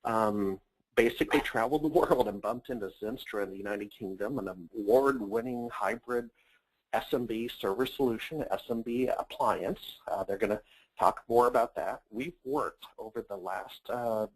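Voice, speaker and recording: A man hosting a webinar, talking informally through slides in a halting, rambling way. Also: fairly low pitch, husky, rough recording. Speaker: webinar host.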